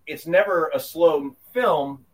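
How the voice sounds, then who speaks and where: A man's voice: fairly high pitch, slow, recorded from a distance, rough recording. Man talking slightly off-mic. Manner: rambling, many restarts, laughs while talking. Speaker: podcast co-host. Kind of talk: casual film discussion.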